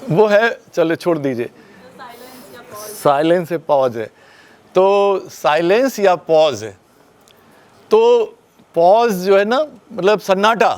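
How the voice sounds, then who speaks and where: An older man teaching a class with a notably high-pitched voice. He lectures with lively energy, throws questions at the students, and speaks phrases aloud to show how a pause or a stressed word changes their meaning. He is firm with the class when attention drifts. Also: a little hiss or hum. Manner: firm with students, tells them to put phones away. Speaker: lecturer at a media school orientation.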